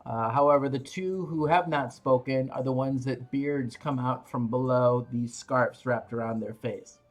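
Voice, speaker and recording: A game master narrating a tabletop game in a halting way, pausing between phrases. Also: medium pitch.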